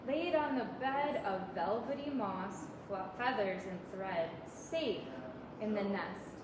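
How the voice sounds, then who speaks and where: A woman with a mid-range voice speaks slowly as a children's librarian running story time for preschoolers. She reads aloud, keeps her language simple, and asks the kids plenty of questions. The distant mic captures a very echoey, noisy room.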